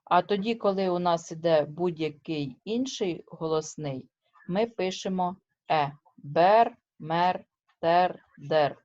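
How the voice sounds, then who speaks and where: Slow, careful woman teacher. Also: fairly low pitch, darkish tone, lo-fi sound. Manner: slow, careful, stresses and drawls example words; checks with students by asking short questions. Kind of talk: remote classroom lesson.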